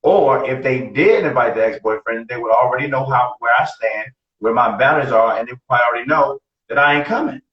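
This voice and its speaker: A man's voice: mid-range voice, fairly quick, few pauses. Blunt, profane man in his forties. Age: 40s. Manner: blunt, profane, repeats himself. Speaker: podcast co-host. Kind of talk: casual podcast chat. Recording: roomy, distant, dull lo-fi sound.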